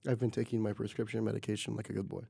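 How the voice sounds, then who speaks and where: Congested young man with gravelly voice. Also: on the low side, level tone, rapid-fire, dark tone. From Kansas. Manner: wry, joking storyteller. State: congested sick voice. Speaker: podcast host and zine editor. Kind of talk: casual chat.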